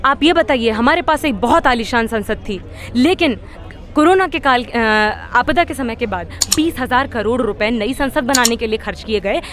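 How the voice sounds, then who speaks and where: A young woman, a student activist, speaks in a high voice at an outdoor street protest while several handheld press mics are held close to her. In this impassioned street interview she's fiery and rhetorical, stumbling over restarts as she builds her point, animated at a moderate pace with a fairly bright tone.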